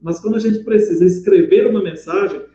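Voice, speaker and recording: A man with a Brazilian Portuguese accent gives an online lesson, explaining patiently and step by step. His voice sits fairly high yet sounds very dark and mellow. The recording is dull and lo-fi, in an echoey room. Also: fairly quick. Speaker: Portuguese teacher. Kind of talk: online class lecture.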